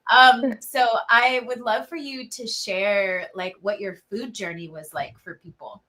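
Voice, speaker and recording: Woman host coaching her guest, really bright crisp voice, laughs along. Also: medium pitch, steady tone, a little slow. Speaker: host, coach running the program. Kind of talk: casual interview.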